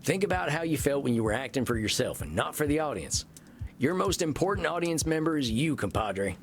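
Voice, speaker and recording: Gravelly folksy cowboy therapist, drawl. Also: male voice, on the high side, big pitch swings, brisk, soft background music. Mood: calm, reassuring. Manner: folksy, frank, gently challenging. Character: folksy, steady male cowboy vampire therapist. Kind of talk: video game voice acting.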